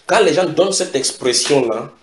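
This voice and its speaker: A man preaching a sermon in an animated way, repeating key phrases for emphasis. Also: on the high side, normal speed. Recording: echoey room.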